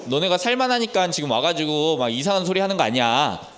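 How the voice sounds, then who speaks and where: A man's voice: on the high side, lively intonation, quick pace, a bit bright. A man voicing a dismissive male Egyptian king in a children's Bible story. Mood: scornful.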